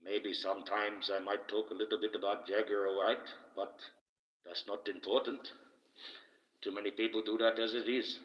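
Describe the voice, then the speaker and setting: A man's voice: lowish voice, level tone, normal speed. Man with a dreamy, distant echoing voice. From Australia. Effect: dreamy, distant, ethereal echo on the voice. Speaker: livestream host playing an archangel persona. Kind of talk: casual livestream advice and chat with viewers. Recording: roomy long reverb, dull lo-fi sound.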